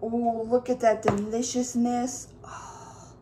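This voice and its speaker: A woman's voice: fairly high pitch, takes it slowly, noisy background. A young woman in a casual mukbang vlog, chatting and rambling to her viewers while she makes chocolate milk and cuts pizza at home. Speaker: YouTuber. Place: room at home. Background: faint TV in the background.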